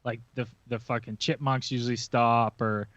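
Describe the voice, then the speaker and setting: A man's voice: mid-range voice, level tone, moderate pace, a bit bright, no room sound, lo-fi sound. A man co-hosting a podcast, chatting in a rambling, jokey way. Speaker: podcast co-host. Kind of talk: casual chat.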